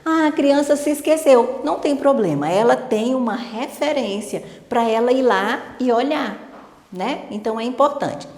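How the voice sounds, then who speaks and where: A woman's voice: a little high, lively intonation, normal speed, a little mellow. Patient woman teacher, echoey room. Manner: patient, explaining step by step with frequent check-ins. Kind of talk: online teacher-training lesson. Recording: echoey room with long reverb.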